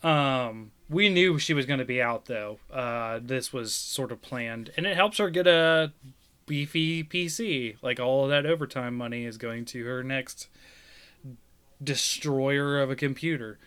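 A man's voice: medium pitch, unhurried, fairly bright tone, clean tone. A man hosting a casual gaming podcast, chatting in an informal, conversational way. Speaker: podcast host.

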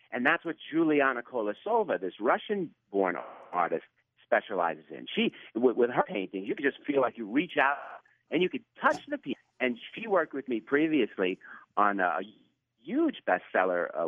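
A man's voice: mid-range voice, no room sound, narrow, tinny audio. A man with a Brooklyn accent giving a conversational interview as a guest author, speaking emphatically and repeating phrases for emphasis. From Brooklyn, New York, USA.

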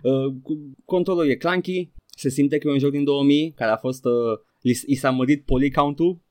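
A man's voice: a little high, steady tone, darkish tone. A man co-hosting a podcast, chatting casually about a video game, laughing often and dropping English phrases into his talk. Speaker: podcast co-host.

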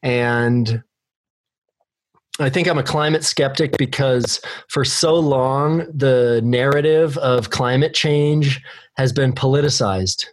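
Male podcast host, relaxed, rambly, mid-pitched, chatting over a video call from home. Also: takes it slowly, no echo. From Oregon, USA. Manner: laid-back, rambling with fillers. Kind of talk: casual interview chat. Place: bedroom at home.

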